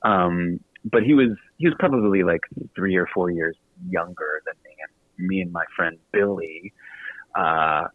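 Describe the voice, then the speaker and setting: A guest author from Virginia in the United States tells stories casually in a radio interview, his low voice chatty, halting and self-deprecating. The line sounds tinny and phone-like, with some room echo.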